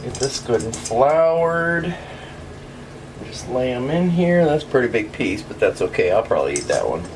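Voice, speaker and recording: A woman's voice: very deep voice, very animated, moderate pace, noisy background. A woman hosting a casual cooking show in her home kitchen, chatting to viewers in a homey way while she is losing her voice, with a sizzling pan behind her. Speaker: home cook host. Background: sizzling pan and kitchen sounds.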